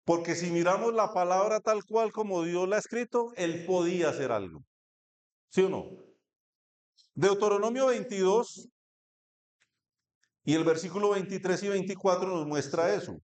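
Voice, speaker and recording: A man's voice: high-pitched, lively intonation, normal speed, long pauses, darkish tone. A man with a Colombian Spanish accent preaching a sermon, reading scripture and asking the congregation questions. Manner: asks the congregation questions, reads scripture aloud. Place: church hall. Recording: echoey church room.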